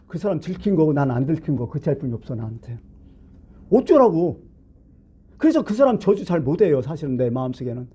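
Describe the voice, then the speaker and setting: A man preaching a Sunday sermon as pastor, talking conversationally and asking the congregation questions, jumping between loud emphasis and hushed asides. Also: a little high, breathy edge.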